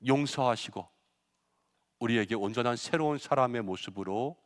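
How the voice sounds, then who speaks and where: A man's voice: medium pitch, moderate pace. Preaching man in a reverberant church. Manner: dramatic, acts out quoted lines with rising force. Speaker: pastor. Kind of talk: sermon. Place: church sanctuary.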